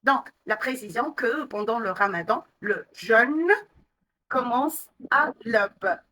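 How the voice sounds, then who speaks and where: Bright-voiced French teacher, slow and patient. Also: female voice, a little high, expressive, recorded from a distance, a little hiss or hum, low-quality recording. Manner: patient, explains step by step with many pauses and fillers. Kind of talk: language lesson explaining vocabulary and pronunciation.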